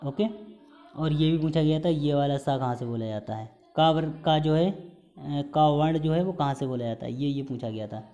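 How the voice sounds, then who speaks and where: A man with a mellow, warm voice gives a recorded exam-prep lesson. He explains each point patiently and stretches out sounds to demonstrate pronunciation, slipping English terms in among his explanations. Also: fairly high pitch, moderate pace, highs cut off, faint music behind. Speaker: Hindi teacher.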